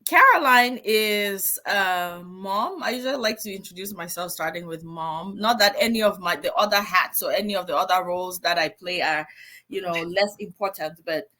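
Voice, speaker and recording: A woman from Cameroon in her thirties, a nurse and coach, chatting in a lively, animated way and laughing often. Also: fairly low pitch, normal speed. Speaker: guest, nurse and business coach. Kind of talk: casual podcast chat.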